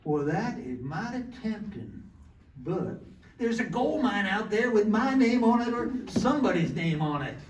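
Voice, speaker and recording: A man's voice: high voice, big pitch swings, measured pace. A folksy old prospector acted by a man drawls plainly through a comic Western sketch. He is a dreamer of the Old West, heard from a distance in a roomy space. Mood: folksy, wistful. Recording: roomy, distant mic, faint noise.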